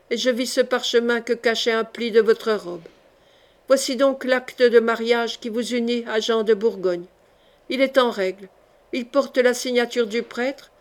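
Higher-voiced woman reading a historical novel. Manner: measured, dramatic reading with voiced dialogue. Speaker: audiobook reader.

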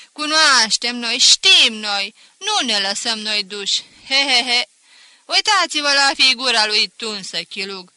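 A woman's voice: fairly high pitch, sharp tone, clear, resonant tone, no echo. A woman voicing a scornful, mocking older male schoolteacher who talks with sarcastic chuckles in an audiobook.

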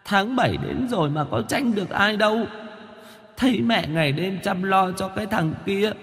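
A man's voice: high voice, sing-song, moderate pace, a bit bright, in a large hall, voice pushed up, heavily acted. A man voicing the hungry ghost of a miscarried child, whining in a thin, babyish whimper. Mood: sulky. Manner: sulky, whining complaint.

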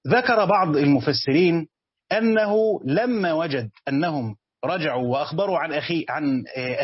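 Man, Egyptian accent, teaching commentary, husky voice, dull dry recording. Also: a little high, dry recording. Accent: Egyptian Arabic. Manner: reads quoted text then explains it in colloquial speech, with hesitations. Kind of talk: classroom commentary on a text.

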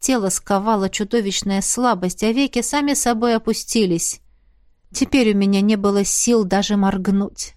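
A woman reading a fantasy audiobook in first person with steady storytelling. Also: medium pitch, moderate pace, clean tone, no echo, clean studio sound. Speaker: audiobook narrator. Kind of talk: scripted first-person narration.

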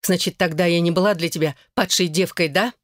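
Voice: mid-range voice, fairly even intonation, brisk, dry recording, clean studio sound, lightly acted. A reader voicing an angry young woman arguing with her ex-husband in an audiobook. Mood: indignant. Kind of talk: audiobook character voice.

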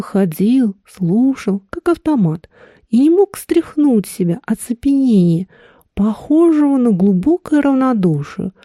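A woman narrating a literary story in a measured, expressive reading. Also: fairly high pitch, no room sound, clean studio sound. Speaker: audiobook reader.

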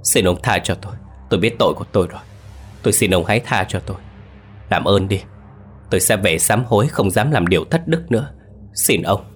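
A man's voice: on the low side, expressive, a little fast, pauses often, faint music behind, lightly acted. A man doing a scheming old sorcerer. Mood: pleading. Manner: boastful, then pleading.

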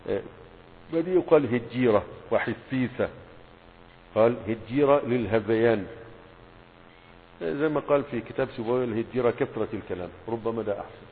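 A man with an Egyptian accent teaching a grammar lesson as a sheikh, asking rhetorical questions and stressing each word pattern slowly. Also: medium pitch. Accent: Egyptian Arabic. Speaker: sheikh teaching Arabic morphology. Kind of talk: classroom lecture explanation. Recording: tinny phone-like lecture recording with hum and reverb.

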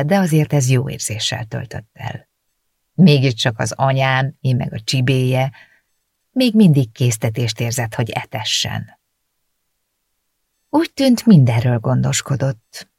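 A woman reading a novel aloud in the first person, with reflective, steady storytelling into a close studio mic. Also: very deep voice, gravelly, breathy edge, no room sound. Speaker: audiobook narrator.

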